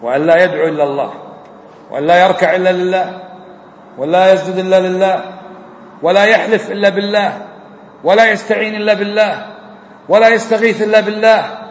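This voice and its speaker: Fervent high-voiced male preacher. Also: steady tone, fast talker, long pauses, slight background noise. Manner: fervent, rising to near shouts then dropping low. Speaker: imam preacher. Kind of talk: sermon. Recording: echoey hall with long reverb.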